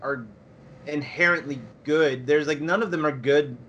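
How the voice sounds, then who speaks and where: A man's voice: on the high side, moderate pace, a bit bright, muffled recording, a little hiss or hum. A man in casual chat, rambling as he explains, with lots of restarts and fillers.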